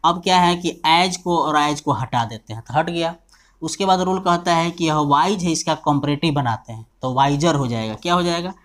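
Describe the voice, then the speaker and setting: A male teacher explaining grammar rules step by step. He keeps asking whether students have understood, and he slows down to dictate example sentences. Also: on the high side, fairly bright tone.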